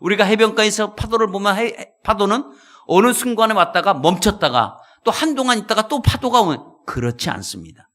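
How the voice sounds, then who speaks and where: A male pastor preaching a sermon in a church, telling stories with animated delivery and speaking directly to the congregation. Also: sits high, brisk. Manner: animated storytelling, addresses congregation.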